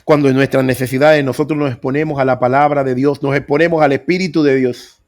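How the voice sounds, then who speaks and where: A man's voice: mid-range voice, steady tone, fast talker, a little mellow. A middle-aged man preaching, telling his own story with earnest emphasis. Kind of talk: sermon testimony.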